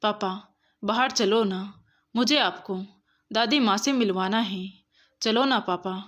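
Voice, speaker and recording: A woman's voice: medium pitch, a little slow, fairly bright tone, close to an everyday voice. A woman voicing a small, stubborn boy who pleads insistently in a storybook reading. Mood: pleading.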